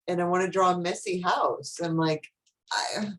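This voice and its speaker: A woman with a somewhat low voice talks as a student in an online class. She is chatty and self-deprecating and laughs often while she explains what she is stuck on. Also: fairly even intonation, moderate pace. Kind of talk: casual chat in an online class.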